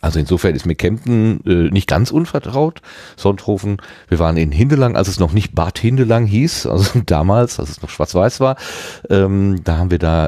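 Low-voiced, lively German man chatting. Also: dry recording, clean studio sound. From Ruhr area, Germany. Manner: rambling, self-deprecating, with many restarts and laughs. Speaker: conversation partner. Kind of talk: casual chat.

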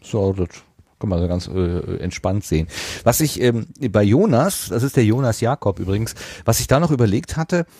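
A man's voice: on the low side, lively intonation, moderate pace, dark tone, breathy edge, no echo. A man hosting a casual podcast chat, talkative, with many fillers and easy laughs. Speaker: podcast host.

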